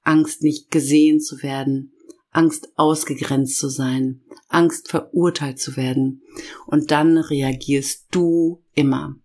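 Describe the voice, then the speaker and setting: A cold has roughened the deep, darkish voice of this middle-aged self-help podcaster, who works as an inner-child coach. In a steady, warm, guided tone, she talks straight to the listener, slowing down to lean on each feeling she names.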